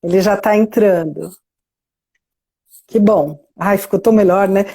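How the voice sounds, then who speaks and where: Her voice sits in the mid range, warm and creaky, and she takes her time. With a Brazilian Portuguese accent, this live-stream host runs a warm, conversational video-call interview, gushing and chatting away and ending many lines with "né?" and other question tags.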